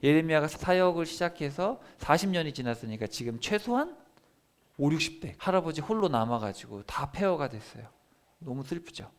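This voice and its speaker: A man's voice: on the high side, big pitch swings, moderate pace. A male pastor giving a children's Bible sermon at a family service. He asks the congregation questions and acts out laments in quoted speech.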